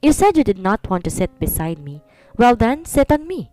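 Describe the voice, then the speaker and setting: A woman's voice: fairly high pitch, sing-song, moderate pace, warm tone, no echo, soft background music, rough recording. A woman voicing a young husband who teases and pleads with his wife in a storybook reading. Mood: teasing. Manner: coaxing, teasing, then apologetic.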